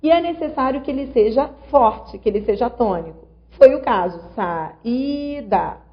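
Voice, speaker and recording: In an online grammar lesson, a woman teacher explains rules patiently, sounding out syllables one at a time and asking the viewer to follow along. Her high-pitched voice has lively intonation and a slightly fast pace. The lo-fi audio sounds a bit dull.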